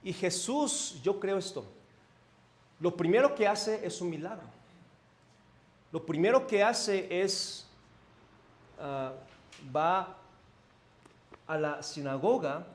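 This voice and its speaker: A man from Mexico City with a Mexico City accent, preaching a conversational sermon as a pastor and often asking the congregation questions. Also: on the high side. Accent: Mexico City Spanish. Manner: animated, asks the congregation questions, swings between loud and soft. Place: church sanctuary.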